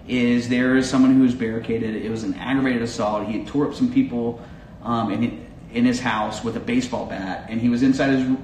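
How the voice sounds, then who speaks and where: Animated man telling a story, off-mic. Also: medium pitch, far from the mic. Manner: animated storyteller, acts out commands, laughs often. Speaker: K9 handler, interview guest. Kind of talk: casual interview. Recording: echoey and off-mic, faint background noise.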